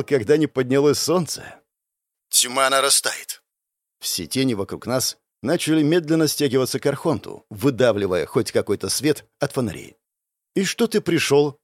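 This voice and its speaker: Young man, first-person audiobook narration, animated intonation, sarcastic asides, dry recording. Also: medium pitch, dry recording.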